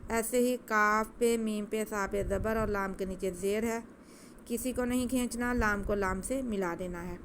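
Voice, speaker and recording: A woman teaching Quran recitation step by step, explaining gently and patiently at a quick pace. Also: mid-range voice, steady tone, slight background noise.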